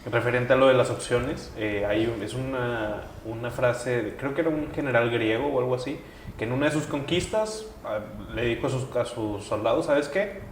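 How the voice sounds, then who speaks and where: A man hosts an interview in a relaxed way, pausing on fillers as he recalls sayings. His voice is mid-pitched. The room is echoey, with a faint hiss behind him. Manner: relaxed, hesitant, with filler words. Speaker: podcast host. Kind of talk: conversational interview.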